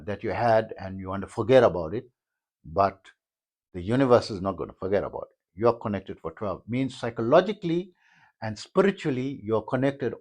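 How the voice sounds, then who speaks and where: A man with a South African accent talks through spiritual ideas without a script. His pitch moves about in a lively way, and he rambles with many "uh"s and restarted phrases. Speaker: yoga teacher. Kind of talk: unscripted spiritual talk.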